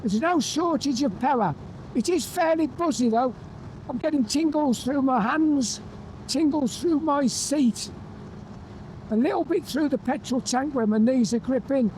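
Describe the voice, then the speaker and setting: A man with a fairly high, mellow voice chats eagerly about the bike he is riding. He is heard through a motorbike helmet intercom mic. Faint wind and engine noise sit under his words. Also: measured pace, low-quality recording. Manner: chatty, enthusiastic, talks while riding. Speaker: motorcycle reviewer. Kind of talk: ride-along bike review commentary. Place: on a motorbike on open roads, outdoors. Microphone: motorbike helmet intercom mic while riding.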